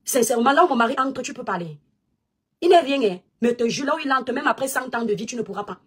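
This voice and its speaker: A woman's voice: fairly high pitch, lively intonation, fast, fairly bright tone, slightly rough. A woman delivering a combative, mocking rant aimed at a rival, taunting her and insisting over and over. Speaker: online personality answering a rival.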